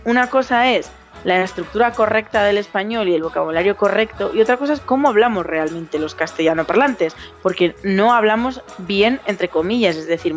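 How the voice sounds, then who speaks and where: A woman from Zamora, Spain, with a Zamora Spanish accent, co-hosting a podcast and telling stories in a chatty, casual way over faint music. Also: medium pitch. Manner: chatty storyteller, quotes others in lively voices. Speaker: podcast co-host. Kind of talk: casual chat.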